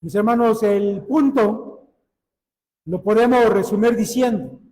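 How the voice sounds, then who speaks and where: A man preaches a sermon, earnestly putting direct questions to his listeners. His voice sits very high for a man. The recording carries the long reverb of a hall. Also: a little slow, a little mellow.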